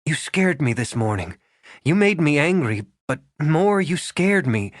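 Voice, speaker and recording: A man voicing an anxious young woman who is orderly yet flustered, speaking fast and rising in pitch. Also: very animated, no echo. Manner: quick, rising, flustered delivery. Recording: dry close studio sound.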